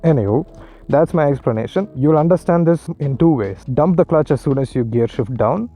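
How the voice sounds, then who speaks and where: A man's voice: fairly high pitch, lively intonation, normal speed, mellow. A man talking casually and informally as he explains things step by step in an instructional motovlog, thinking aloud as he goes, recorded outdoors on a motorcycle. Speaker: motovlogger, learner rider giving tips. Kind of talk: casual instructional vlog talk while riding. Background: motorcycle engine and traffic sounds, music.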